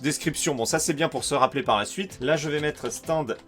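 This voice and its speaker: A man's voice: on the high side, a little fast, a bit bright, soft background music. A French man walking viewers through a shopping website in a casual, chatty way, with plenty of fillers. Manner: chatty, enthusiastic, many fillers. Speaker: YouTuber reviewing collectibles. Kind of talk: casual screen-share walkthrough.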